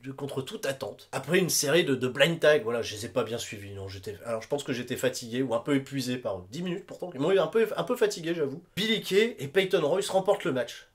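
Rapid, energetic man reviewing wrestling. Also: medium pitch. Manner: energetic, slangy, with playful exclamations; addresses viewers directly. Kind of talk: casual commentary vlog.

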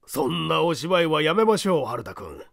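A man voicing a sly phantom thief who speaks in a hoarse old man's voice, mockingly polite and unhurried. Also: on the high side, sing-song, fairly bright tone, no echo, studio quality, heavily acted. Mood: taunting. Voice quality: hoarse, gravelly. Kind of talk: audiobook character voice.

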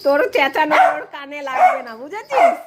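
A woman's voice: high-pitched, animated, moderate pace, a loud crowd. A woman at home filming her pet dogs, mixing casual commentary with cooing baby talk to them. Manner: cooing, sing-song talk to pets, mixed with running commentary. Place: at home, indoors. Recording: loud background noise and barking dogs.

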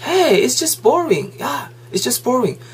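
A man's voice: very high-pitched, very animated, drawn-out words, slightly rough, pitched above the performer's own voice, heavily acted. A man voicing a bored young friend who complains about what is on TV, in a whiny, exaggerated tone.

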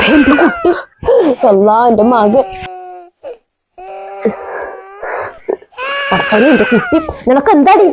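A woman plays a bossy middle-aged mother-in-law in a home family skit, speaking. Her voice sits high and sharp as she nags and hurls insults without letup. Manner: nagging, shrill, scolds and insults.

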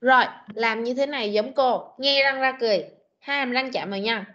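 A woman English teacher with a Vietnamese accent, running an online class and drilling pronunciation with slow, patient corrections. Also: on the high side, a bit bright. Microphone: computer mic on video call. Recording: dull lo-fi video call audio.

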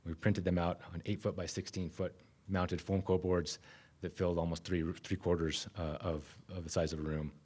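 A man, giving a conference keynote from a podium microphone in a conference room, measured and with frequent restarts. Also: deep voice, flat delivery, darkish tone, slightly rough. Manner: measured, self-correcting restarts. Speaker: keynote speaker.

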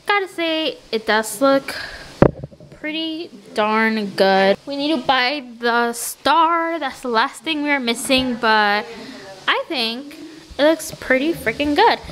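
A woman's voice: sits high, animated, slow, fairly bright tone, a little hiss or hum, rough recording. Chatty young woman vlogging at home. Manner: chatty, upbeat, filler-heavy. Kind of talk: casual vlog chat. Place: home living room and bedroom. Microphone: camera on tripod.

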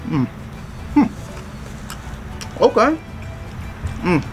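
A young man reviewing pizza in a casual vlog, talking through a mouthful while chewing, quick and slangy. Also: sits high, sing-song. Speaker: food reviewer, channel host. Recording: music playing in background.

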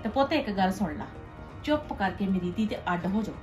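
A woman playing a meddling, sharp-tongued village aunt who gossips and scolds in a web series drama. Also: mid-range voice, very animated, a little fast, music in the background, natural voice. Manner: gossipy, scolding, ends remarks with "haiṅ?". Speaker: paternal aunt.

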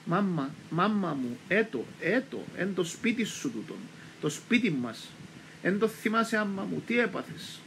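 A man voicing a tearful middle-aged daughter with a Cypriot accent, gently coaxing and pleading with her mother. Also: sits high, big pitch swings, a little hiss or hum, pitched above the performer's own voice, exaggerated voice, rough recording. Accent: Cypriot Greek.

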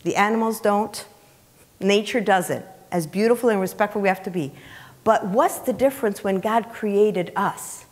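Her medium-pitched voice echoing through a large church hall, a middle-aged woman preacher speaks at normal speed from the platform, teaching scripture. She is conversational but emphatic, repeating key phrases and asking her congregation questions.

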